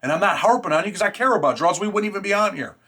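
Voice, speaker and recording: A man interviews someone in casual, slangy talk. He speaks very quickly with a bright, hard edge and presses his points insistently. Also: high voice, expressive, slightly rough. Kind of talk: casual, earnest street-talk conversation.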